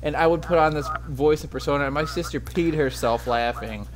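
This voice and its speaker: A man's voice: a little high, fairly quick. Profane rambling male game streamer. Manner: profane, rambling, self-mocking. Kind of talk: casual gaming stream chat. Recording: steady background noise.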